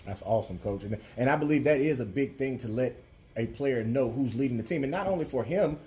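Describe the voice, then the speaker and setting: A man works as a sports interviewer, talking at a brisk clip. His voice is mid-pitched and mellow, with a soft, dark tone as he puts his questions. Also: lively intonation.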